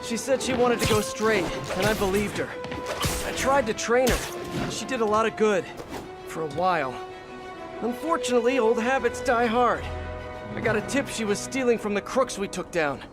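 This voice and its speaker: Young male superhero, American, high voice, quippy, casual, game dialogue over loud music. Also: animated, moderate pace. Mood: guarded, regretful. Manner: wry, casual, talkative. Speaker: video game lead character. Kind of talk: video game voice acting, conversational.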